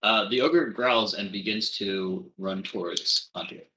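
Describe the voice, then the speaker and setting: A man's voice: lowish voice, a little slow, sharp tone, roomy sound, a little hiss or hum, poor audio. A man narrating a tabletop game as game master.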